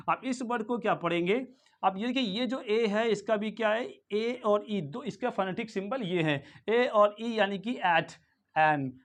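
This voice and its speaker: A man with an Indian accent teaching English pronunciation, who asks his own questions, answers them and repeats each word again and again. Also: sits high. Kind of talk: classroom-style lesson.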